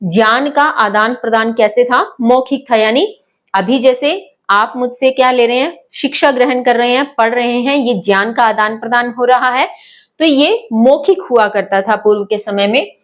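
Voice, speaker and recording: A woman teaches an online class, her voice sitting a little high. She goes slowly and patiently, repeating each word and putting questions to her pupils. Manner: patient, slow and repetitive, asks pupils questions. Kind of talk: online lesson, explaining word by word.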